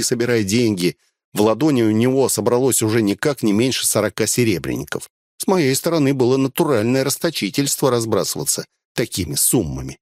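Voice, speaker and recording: A man narrating a first-person adventure audiobook with a wry, expressive touch. His mid-range voice moves around a lot, and the studio sound is dry and close. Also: mid-range voice, no echo.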